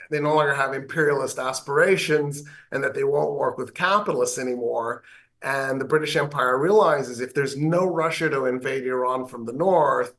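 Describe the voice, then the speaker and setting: An American man, a government professor, explaining history in an interview with animated delivery and wry asides. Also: mid-range voice.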